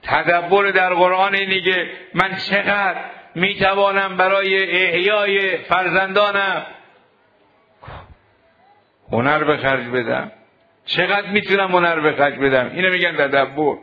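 A man's voice: sits high, long pauses. A man preaching a sermon to seminary students, exhorting them with rhetorical questions. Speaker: cleric teaching seminary students. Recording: dull lo-fi recording.

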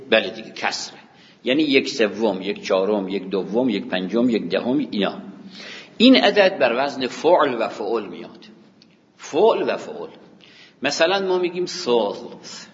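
A man teaching a grammar class, explaining patiently and counting aloud, speaking to his students. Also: mid-range voice. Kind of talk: classroom lecture. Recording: dull recording with long hall reverb.

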